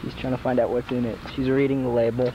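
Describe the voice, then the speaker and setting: A man's voice: medium pitch, level tone, fast. A man narrating a home video, chatting about what the camera shows, recorded on an old VHS tape with a built-in camcorder mic outdoors by a car. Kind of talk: casual camcorder commentary. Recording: dull hissy 1980s VHS camcorder tape.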